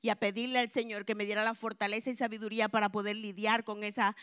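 A woman giving a religious testimony to a congregation, telling her story expressively and moving between hushed and loud. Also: mid-range voice, little pitch movement, fast, clean tone, dry recording, clean studio sound. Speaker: church member giving a testimony.

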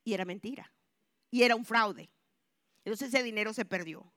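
High bright-voiced woman giving testimony. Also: normal speed, dry recording, studio quality. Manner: expressive storytelling, swinging between hushed and loud. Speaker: church member giving a testimony. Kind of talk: spoken religious testimony to a congregation.

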